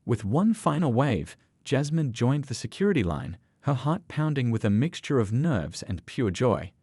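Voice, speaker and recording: A man narrating a scripted story in an expressive storytelling manner. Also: mid-range voice, moderate pace, husky, no room sound.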